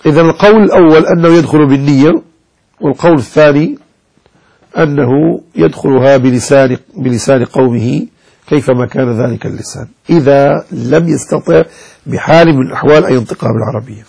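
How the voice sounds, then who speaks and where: This Moroccan-accented sheikh speaks briskly in a mid-range, gravelly voice that's a little mellow with a breathy edge. Teaching Maliki jurisprudence, he explains a legal text, demonstrates pronunciations and addresses his listeners directly. The recording quality is poor.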